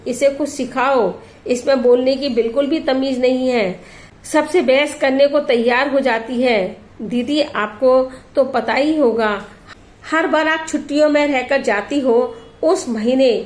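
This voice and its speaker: A woman reading as a scolding, stingy sister-in-law. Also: high-pitched. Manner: scolding, cold lecturing tone. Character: sharp-tongued middle-aged woman, a stingy sister-in-law. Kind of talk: storybook reading with character voices.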